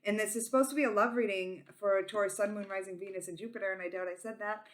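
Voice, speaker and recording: A woman's voice: mid-range voice, steady tone, quick pace. Chatty, tired woman with a Boston accent. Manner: informal and slangy, affectionate toward viewers. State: tired and silly. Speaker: tarot reader and channel host. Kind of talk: casual, chatty psychic reading to viewers.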